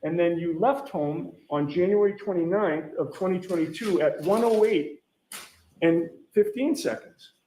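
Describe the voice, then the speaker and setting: A man cross-examining a witness as a lawyer in court, putting detailed, deliberate leading questions and pressing for confirmation. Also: high voice, dark tone. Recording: echoey courtroom sound with faint noise.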